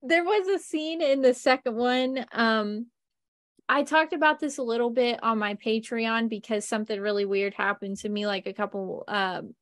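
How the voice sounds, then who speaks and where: A woman's voice: fairly high pitch, moderate pace, dry recording, clean studio sound. A woman hosting a podcast, telling a story with a chatty, laughing manner, full of "like". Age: adult with a husband. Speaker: podcast host. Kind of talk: casual chat about movies.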